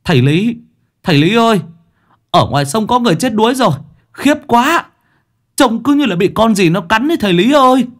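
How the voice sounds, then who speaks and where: A man's voice: sits high, lively intonation, a little fast, a bit bright, voice pushed up. A man voicing a panicked male villager calling out bad news, frantic and breathless.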